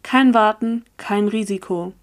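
A woman's voice: mid-range voice, measured pace, close to an everyday voice. A woman reading aloud, voicing a scheming, persuasive young male sorcerer who talks down insistently. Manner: condescending, insistent, impatient.

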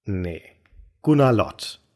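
A man's voice: lowish voice, big pitch swings, slow, a little mellow. A man hosting comedic scripted banter, playful and mock-exasperated. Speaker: host.

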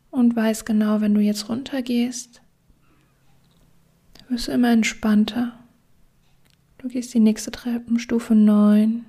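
A woman guiding a relaxation meditation in a soft, soothing whisper. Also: on the high side, vocal fry. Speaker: meditation guide.

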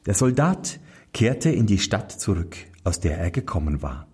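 A man reading a fairy tale aloud, slow and very expressive. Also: sits low, slightly rough. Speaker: storyteller.

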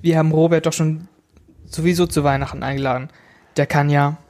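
A man's voice: a little high, level tone, fairly quick, voice pushed up, lightly acted. A man voicing a patient mother who reassures her child in a storybook reading. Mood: brisk. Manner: reassuring, gentle.

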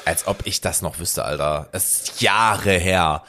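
A man's voice: low voice, measured pace, pushed and bright, slight background noise. A young man co-hosting a casual podcast, laid-back and slangy, guessing at quiz answers. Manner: slangy and laid-back, calls his friend "Digga", "Alter" and "Bruder". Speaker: podcast co-host, quiz contestant. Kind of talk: casual chat.

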